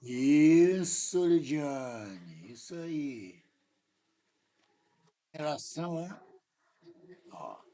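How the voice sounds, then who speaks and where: A man's voice: fairly high pitch, lively intonation, extremely slow, long pauses, warm tone. A man with a Brazilian Portuguese accent tutoring a student in math, insistent and correcting them often. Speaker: math teacher. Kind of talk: live tutoring lesson.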